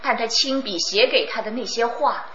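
Brief: female student reader, lively pitch, a bit hesitant when explaining, in a muffled echoey room. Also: moderate pace, a little hiss or hum. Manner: careful, unsure, restarts when explaining. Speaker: recitation student. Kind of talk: reading aloud and explaining her choices.

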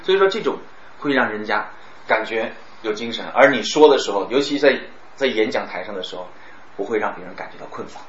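A man teaches a class on speaking, his pitch leaping about as he acts out stressed words and dramatic pauses. His tone is bright and forceful. The recording is roomy and a little dull, with faint noise behind. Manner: animated, demonstrates words with exaggerated stress and pauses. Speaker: speech teacher.

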